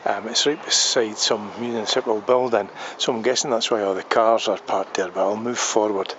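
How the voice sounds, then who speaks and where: Driving and strolling through a small town, this man muses aloud for his travel vlog, often saying um and starting over. His voice is fairly low and fairly bright, his intonation fairly even, and his pace moderate. The sound is dull, with slight background noise.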